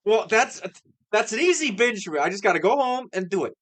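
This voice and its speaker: A man with a lively, swooping voice that sits a little high, talking in loose podcast chatter. He rambles, restarts his sentences and swears casually as he goes. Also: fairly quick. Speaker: podcast co-host. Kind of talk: casual chat.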